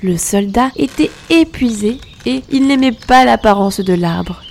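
Warm-voiced woman telling a fairy tale. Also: on the high side, expressive, unhurried, creaky, slight background noise. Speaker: storyteller. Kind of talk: scripted storybook narration.

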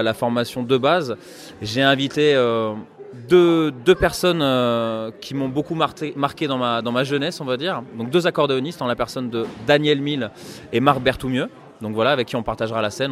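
A man, a bandleader and accordionist, talks through an interview at an easy, unhurried pace. His speech is chatty and hesitant, full of small pauses as he searches for the next thought. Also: mid-range voice. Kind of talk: casual interview answers.

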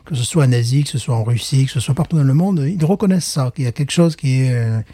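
A man's voice: mid-range voice, fast, warm tone, husky, no echo. A man co-hosting a podcast in casual chat, rambling with restarts and laughs. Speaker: podcast co-host.

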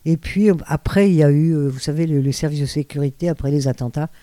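An older woman, once a radio host, tells rambling anecdotes in an interview, full of hesitations and restarts. Her voice is low and dark, her pace quick, with no room sound.

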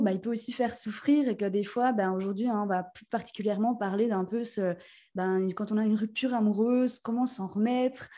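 Lively Swiss French woman host. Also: a little high. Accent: Swiss French, Jura. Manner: lively, many fillers. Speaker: podcast host, nutrition therapist. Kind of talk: casual interview chat.

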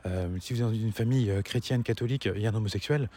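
A man's voice: fairly low pitch, very fast, mellow, slight background noise. A man giving a casual opinion monologue to viewers as a vlogger, rambling and stammering, swallowing words as he walks outdoors. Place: outdoors, walking, nearing a road.

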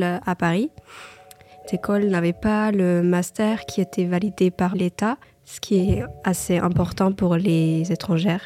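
A young American woman, a native English speaker, introducing herself slowly with many hesitations. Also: fairly low pitch, mellow. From United States. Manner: slow, hesitant with fillers. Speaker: fashion communication student. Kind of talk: spoken self-introduction.

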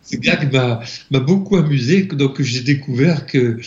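A man from France, an interview guest, softly recounting a personal spiritual experience, halting and searching for his words. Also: medium pitch. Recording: echoey, slightly dull room recording.

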